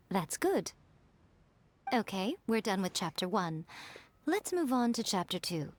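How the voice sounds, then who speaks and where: Slow and sing-song, with long pauses, a mid-range female voice brings an elegant, sly fox-spirit lady to life for a video game. She's confident, teasing, and condescendingly poised, her mood amused and approving, with background music and slight noise behind her.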